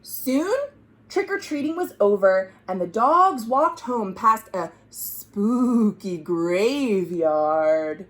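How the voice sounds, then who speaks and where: A woman's voice: mid-range voice, lively intonation, very slow. A woman reading a children's storybook aloud as a storytime host, dramatic and exclamatory. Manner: exclamatory, dramatic, asking listeners questions. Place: at home.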